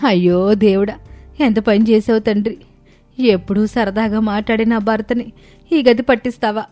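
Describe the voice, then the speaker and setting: A woman voicing a scheming, loud, accusing middle-aged village mother-in-law. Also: medium pitch, fairly even intonation, normal speed, soft background music, lightly acted.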